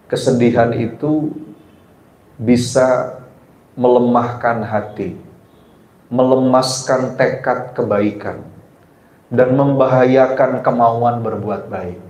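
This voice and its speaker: Male preacher, conversational sermon, keeps asking the women listening questions, mellow tone, roomy hall. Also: mid-range voice. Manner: often turns to the women listening and asks them questions; soft and slow in reflective passages. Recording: roomy hall with faint ambience.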